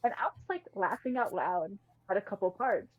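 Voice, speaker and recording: A woman's voice: medium pitch, animated, normal speed, dry recording. A woman co-hosting a podcast, reviewing a movie in an emphatic, slangy, casual chat. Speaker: podcast co-host. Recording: slightly muffled, dry mic.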